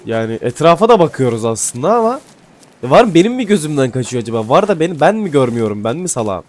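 A man giving casual gameplay commentary, excitable and swearing casually, then dropping to mumbling asides. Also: a little high, fast talker, a little hiss or hum. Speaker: gaming YouTuber. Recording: faint music behind.

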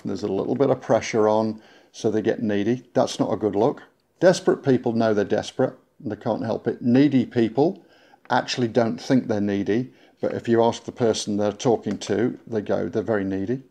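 A man speaking as a guest consultant in a conversational podcast interview, animated and acting out little quoted remarks. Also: on the low side, gravelly. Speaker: guest consultant on workplace politics.

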